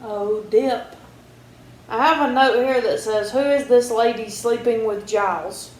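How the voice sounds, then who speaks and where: Going through her notes, a podcast co-host reads them out in a fairly high voice and a measured pace. Her casual chat is relaxed and wry, recorded with roomy echo and a faint hiss behind it.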